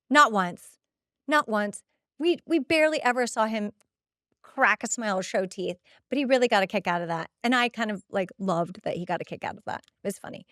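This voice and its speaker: Her voice on the high side, a podcast host casually and emphatically recaps a TV episode, recorded at studio quality with no room sound. She's chatty and expressive, acting out the dialogue she quotes.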